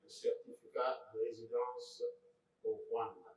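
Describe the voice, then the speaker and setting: Slow man in echoey courtroom. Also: mid-range voice, fairly even intonation, far from the mic. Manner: slow, deliberate listing with pointed remarks. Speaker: court lawyer presenting evidence. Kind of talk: reading court exhibits aloud.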